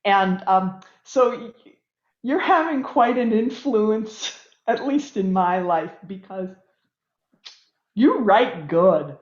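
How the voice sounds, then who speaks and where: A woman hosting an interview, asking halting, emotional questions and laughing often. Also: mid-range voice, lively intonation. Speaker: host. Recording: echoey muffled call audio.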